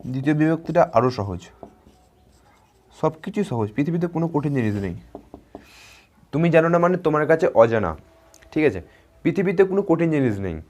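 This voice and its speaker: A man teaching a grammar lesson to schoolchildren. He asks a question, answers it himself, and repeats words slowly and encouragingly. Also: a little high, big pitch swings, darkish tone. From West Bengal. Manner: encouraging, addresses students directly.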